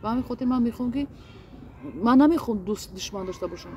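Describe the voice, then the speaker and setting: A woman's voice: fairly high pitch, darkish tone. A woman, a guest in a casual interview, talking earnestly and hesitantly with many fillers and restarts.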